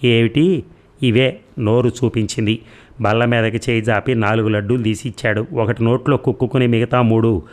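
Guy reading a story aloud, low voice, calm and measured. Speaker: audiobook narrator. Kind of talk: storytelling narration.

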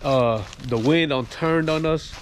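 A man, hosting a fishing channel and calmly talking through how to tie knots step by step. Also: fairly high pitch, a little hiss or hum. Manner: laid-back, slow, step-by-step instructions. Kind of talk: casual how-to demonstration.

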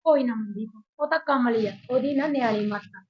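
A woman as a sister-in-law, Punjabi accent, soothing, high voice, dull recording. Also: brisk, slight background noise, lightly acted. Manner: soothing and polite. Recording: dull, lo-fi sound.

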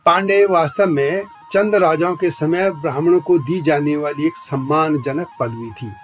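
A male journalist giving a scripted documentary narration, reading out long lists of names and places in a measured way. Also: fairly high pitch, faint music behind. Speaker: journalist narrating a channel's history series.

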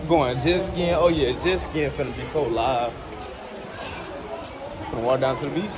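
A young adult man vlogs in a casual, slangy, upbeat and emphatic way, speaking at a measured pace with a crowd behind him. It's recorded on a phone or action camera held at arm's length, so the handheld audio is noisy with an ambient rumble.

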